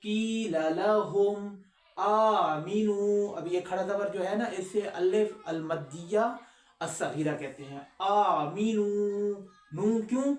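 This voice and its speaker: A man teaching recitation rules, who recites verses slowly and drawn out between quick explanations and asks his students questions. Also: high voice, animated, dark tone, echoey room. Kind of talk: recorded lesson with slow recitation.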